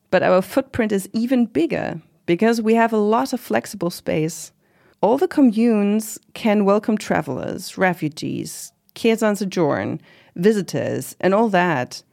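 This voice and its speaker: A woman's voice: mid-range voice, animated, a little slow, vocal fry, a little mellow. A woman playing a proud middle-aged commune organizer in an interview drama, talking in a casual, reflective, lightly wry way. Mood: proud, explanatory. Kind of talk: conversational oral-history interview acting.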